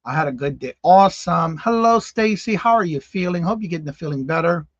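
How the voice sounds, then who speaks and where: Here a fifties-aged man runs a relaxed morning live stream, calling out viewers by name as he reads their comments and reacting with disbelief. He sounds a little high and brisk, with lively intonation, on a lo-fi recording without echo.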